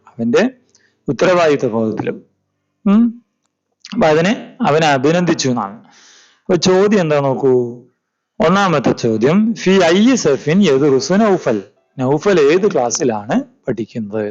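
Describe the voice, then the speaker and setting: Teacher explaining an exam paper. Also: male voice, medium pitch, darkish tone. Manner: reads Arabic slowly, then explains it in quick Malayalam and asks pupils questions. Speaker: Arabic teacher. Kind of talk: exam paper walkthrough lesson. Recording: slightly dull audio with faint background music.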